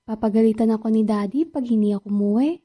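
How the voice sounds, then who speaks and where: A woman's voice: a little high, fast, warm tone, lightly acted. A woman playing Francesca, a flirty mistress. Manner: teasing, giggly. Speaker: voice actor. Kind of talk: radio drama acting.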